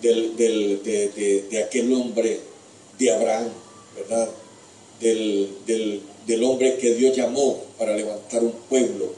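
A man's voice: lowish voice, fairly even intonation, takes it slowly, mellow, recorded from a distance, a little hiss or hum. Man preaching in an echoey room. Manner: storytelling, addressing listeners as brothers. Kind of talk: sermon.

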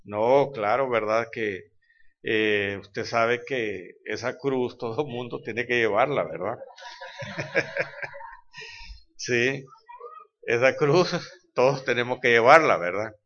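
Man, preacher, chatty informal sermon, folksy jokes, bright tense voice, muffled lo-fi recording. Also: medium pitch, takes it slowly, pauses often. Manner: conversational, keeps asking "right?" to the congregation; folksy joking anecdotes. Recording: dull lo-fi recording.

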